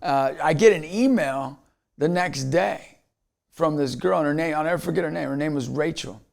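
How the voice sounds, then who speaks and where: A man's voice: on the high side, moderate pace, creaky. A man, a motivational speaker, telling a personal story in an earnest way, often repeating words as he restarts a thought.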